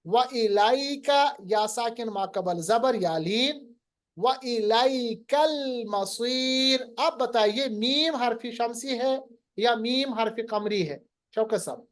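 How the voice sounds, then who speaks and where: A man teaching Quran recitation in a lesson, quizzing his student and slowly drawing out recited words. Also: extremely high pitch. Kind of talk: online lesson.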